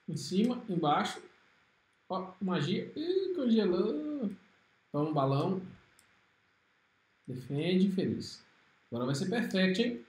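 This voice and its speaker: A man with a Brazilian Portuguese accent giving excitable, trash-talking commentary while streaming a fighting game. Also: high voice, reverberant. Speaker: gaming streamer. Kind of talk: live gameplay commentary.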